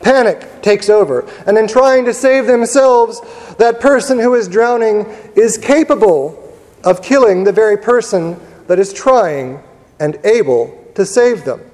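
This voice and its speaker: A man preaching a sermon in a church, telling the story in a conversational way with pauses and repeated words. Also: sits high, animated, darkish tone. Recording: long reverb of a large church hall.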